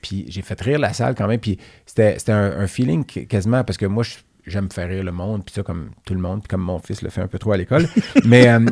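A Québécois man hosting a casual chat, his voice sitting very low while the words tumble out quickly. He tells stories with animation and jokes. The sound is close and dry. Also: vocal fry, dry recording. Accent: Québécois French. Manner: animated, jokey storyteller. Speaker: podcast host, veterinary oncologist. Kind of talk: casual conversation.

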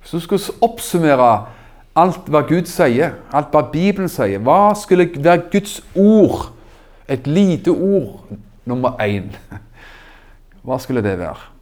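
A man preaching a sermon in an animated, emphatic way, asking the audience questions. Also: fairly high pitch. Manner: animated, rising emphatic exclamations.

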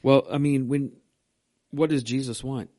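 A man's voice: mid-range voice, steady tone, unhurried, mellow, dry recording, clean studio sound. A man who is a minister, chatting casually about faith and upcoming church events. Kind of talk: casual church podcast chat.

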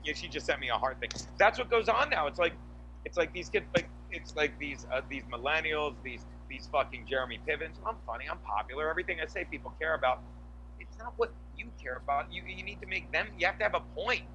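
A man telling stories in casual chat, animated and profane, acting out quotes loudly. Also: fairly high pitch, brisk, muffled recording, a little hiss or hum. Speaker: comedian podcast guest.

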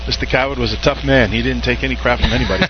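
A man's voice: medium pitch, fairly even intonation, rapid-fire. A chatty, informal man giving casual live race commentary and telling stories. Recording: muffled and very noisy trackside audio.

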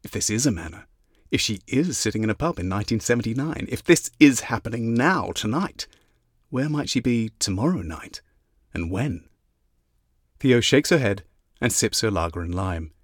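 A man narrating an audiobook in a measured, even reading. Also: lowish voice, no echo, clean studio sound. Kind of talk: scripted narration.

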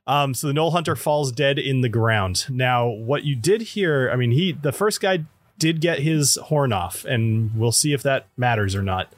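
A man's voice: mid-range voice, animated, unhurried, no echo. A man narrating as game master in an informal, conversational way during a tabletop game.

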